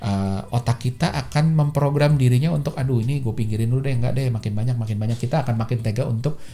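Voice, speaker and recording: This is a podcast host, a man with a medium-pitched, warm voice who talks quickly. Alone on the mic, he explains things in a casual, chatty way, with lots of fillers and quoted voices he plays out.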